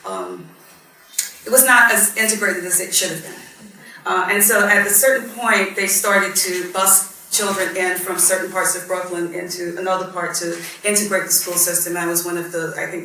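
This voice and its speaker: A woman in her fifties, born in Guyana and raised in Barbados, shares a personal story while sitting as a judge on a discussion panel. Her low, gravelly voice sounds pushed and bright, and she speaks earnestly and reflectively with frequent ums. The mic is at a distance in an echoey hall, with faint noise.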